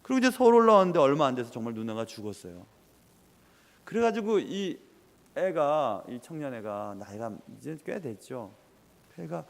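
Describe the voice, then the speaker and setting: A man preaching a sermon as a pastor, telling stories with lively swings and dropping to a whisper at times. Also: medium pitch, vocal fry, big-room sound.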